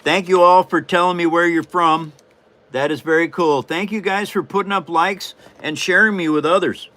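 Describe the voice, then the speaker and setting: A man's voice: sits high, steady tone, moderate pace, pushed and bright. A man from Washington State hosting a casual livestream while he builds a paper model, folksy and rambling with frequent chuckles. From Washington State, USA.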